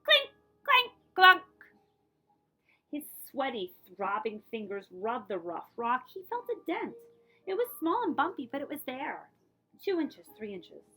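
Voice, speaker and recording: In a high, husky voice, a woman reads a picture book aloud at an unhurried pace, librarian-fashion. Her reading is expressive, punctuated by dramatic emphasis on key words and asides that explain things.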